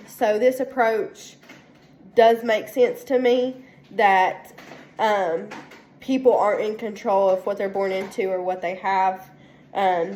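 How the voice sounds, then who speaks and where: Slow, hesitant congested young woman. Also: mid-range voice, slight background noise. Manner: hesitant, many ums and restarts. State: congested from a sinus infection. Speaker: student presenting a weekly assignment. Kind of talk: casual spoken class presentation.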